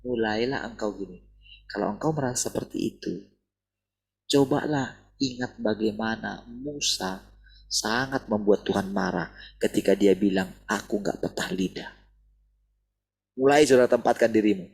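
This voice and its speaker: A man's voice: on the low side, normal speed, creaky, a little mellow, breathy edge, rough recording. A man preaching a sermon in a conversational way, often turning to address his listeners directly.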